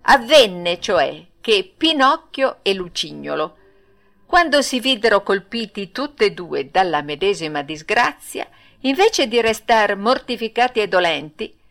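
A woman's voice: mid-range voice, fairly bright tone. A woman reads a children's classic aloud in a mid-range voice. She tells it expressively, leaning into the drama of each turn. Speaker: audiobook narrator. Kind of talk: storybook reading.

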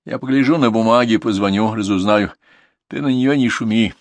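A man voicing a calm, kindly middle-aged godfather in an audiobook, soothing and easygoing. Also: on the low side, a little fast, no room sound, natural voice.

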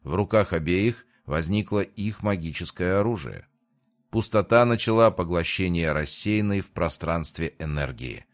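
A man narrates a fantasy audiobook. His voice sits very low, and his reading is measured and even. It is steady scripted storytelling.

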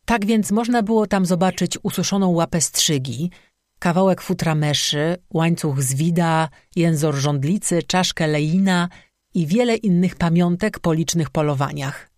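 A man narrating a fantasy audiobook in a measured storytelling manner. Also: a little high, no room sound, studio quality. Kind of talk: scripted narration.

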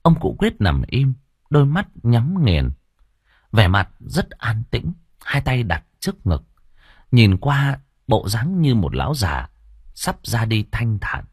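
A man narrating an audiobook story in a lively, expressive reading. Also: medium pitch, slow, breathy edge, no room sound, studio quality.

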